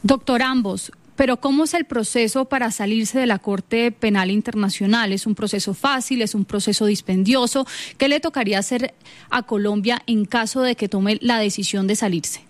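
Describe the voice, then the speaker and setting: A female interviewer asking a quick series of direct questions. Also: a little high.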